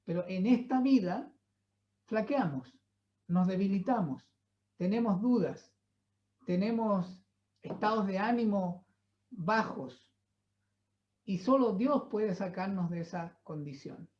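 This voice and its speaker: A woman giving a Bible teaching sermon at a church, in a measured, reflective way, often checking in with tag questions and pauses. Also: medium pitch, mellow. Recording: slightly dull, muffled recording.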